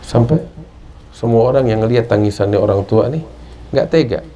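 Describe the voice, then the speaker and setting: A man's voice: on the low side, brisk, dark tone, highs cut off, slight background noise. A man with an Indonesian accent giving an Islamic study sermon, telling a story and rising to emphatic peaks. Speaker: religious teacher.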